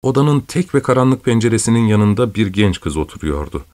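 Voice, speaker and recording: Low-voiced man reading a novel aloud. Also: very animated, a little mellow. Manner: measured, literary, unhurried. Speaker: narrator. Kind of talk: scripted audiobook narration.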